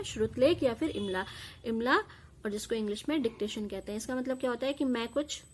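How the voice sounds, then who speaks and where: A young woman teaching kindergarten children, sounding out each letter and vowel sign slowly, then repeating the whole word, with questions and praise. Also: on the high side, a little hiss or hum. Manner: asks questions and praises answers. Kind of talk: slow, spelled-out lesson for young children.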